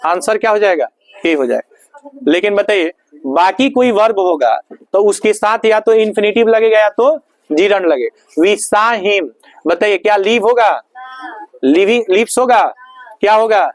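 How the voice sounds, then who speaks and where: A man's voice: sits high, animated, measured pace, dry recording, poor audio. Male teacher drilling a classroom. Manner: drills students with repeated questions. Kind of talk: classroom grammar lesson. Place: classroom with students.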